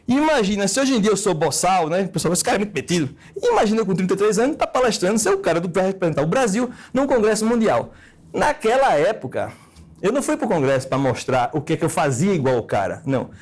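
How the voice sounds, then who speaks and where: Fast, high-voiced brash lecturer. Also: male voice, sing-song, darkish tone. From Recife, Brazil. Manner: brash, joking, slangy and emphatic. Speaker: orthodontics lecturer. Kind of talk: casual lecture with anecdotes.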